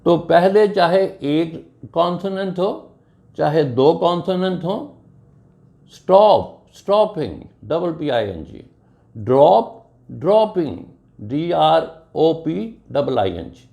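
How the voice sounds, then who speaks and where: A man's voice: a little high, very animated, slow pace, gravelly, dark tone. A man teaching an English grammar lesson, spelling words out letter by letter and explaining each rule step by step, with a Pakistani accent. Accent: Urdu-flavored Pakistani English.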